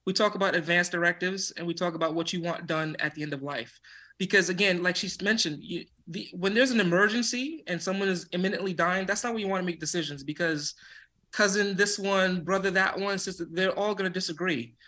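A man with a fairly high, bright voice speaks as a physician guest on a radio show. He tells stories earnestly and laughs easily. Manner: earnest, storytelling, quick to laugh. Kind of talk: casual radio conversation.

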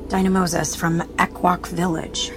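Actress doing a calm no-nonsense agent, low-ish voice. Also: female voice, unhurried, music in the background, natural voice. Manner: businesslike, matter-of-fact. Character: level-headed female federal agent. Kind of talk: audio drama acting.

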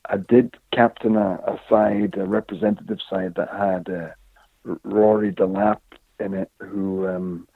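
Born in Scotland and raised in northern England, a former football player recalls his youth in the game as a guest in a casual interview, telling stories hesitantly with lots of fillers and restarts. His fairly low voice is steady, measured, creaky and a bit breathy, heard over dry phone-line audio with no room sound.

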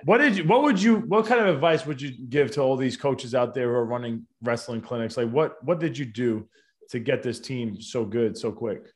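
A man's voice: mid-range voice, normal speed. An American man interviewing in a casual, bantering, slangy way, as one fighter to another. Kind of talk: casual chat.

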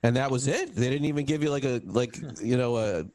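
A man's voice: medium pitch, a little fast, a little mellow, no room sound. Chatty male podcast host. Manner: rambling, many restarts. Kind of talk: casual interview.

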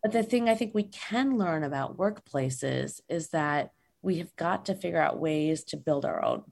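Woman guest, emphatic and fired up, husky tone. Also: sits low, moderate pace, darkish tone. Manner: passionate, emphatic, asks "right?" often. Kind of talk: casual conversation.

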